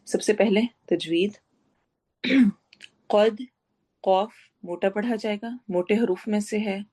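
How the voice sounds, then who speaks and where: A woman teaching a Quran tajweed lesson, reciting slowly and then explaining each sound step by step. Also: medium pitch. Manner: slow drawn-out recitation, then steady explaining.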